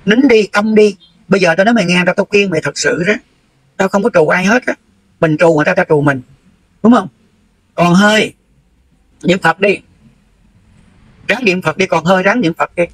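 A middle-aged livestream host with a Southern Vietnamese accent rants in a scolding, confrontational way, bluntly pressing each point as if lecturing someone right in front of him. His high voice is husky, slightly rough and fairly bright, at a moderate pace with frequent pauses. The recording is rough, with no room sound.

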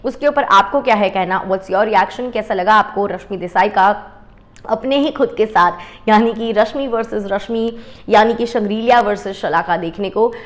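A woman's voice: mid-range voice, moderate pace. A young woman hosting an entertainment news segment, talking in a chatty way and slipping English phrases in between. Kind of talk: scripted entertainment news narration.

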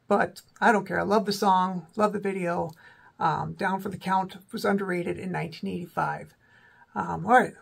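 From a small indoor room with a backdrop, a man in his forties who hosts his own rock channel casually discusses albums, full of ums and self-corrections. A cold and slightly sore throat leave his high, fairly bright voice raspy and prone to cracking.

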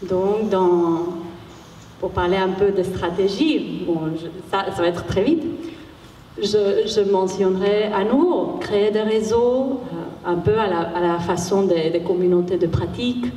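A middle-aged woman speaking on a panel in halting, measured phrases. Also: mid-range voice, dark tone. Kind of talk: unscripted panel talk. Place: large warehouse hall with seated audience. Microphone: handheld microphone. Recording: echoey hall, distant, background noise.

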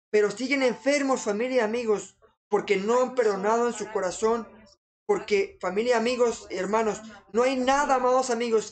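Earnest preacher pleading with listeners. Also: medium pitch. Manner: repeats "amados amigos" constantly, earnest pleading. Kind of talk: sermon.

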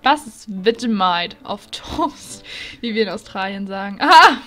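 A woman's voice: medium pitch, animated, measured pace, fairly bright tone, soft background music. Giggly woman chatting over a game. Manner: giggly, chatty, drops English phrases. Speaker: YouTuber playing a horse-riding game. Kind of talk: casual let's-play commentary.

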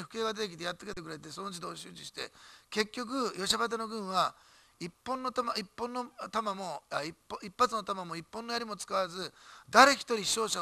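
A man preaching a sermon in church as pastor, animated and emphatic, with jokes and asides. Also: high voice, gravelly, no room sound.

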